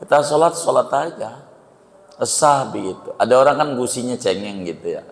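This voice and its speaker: A man teaching a religious lesson as a kiai, speaking with a Betawi Indonesian accent in a slow, folksy way, often asking his listeners rhetorical questions. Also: medium pitch, expressive, in a large hall. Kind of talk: mosque religious study lesson. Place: mosque hall.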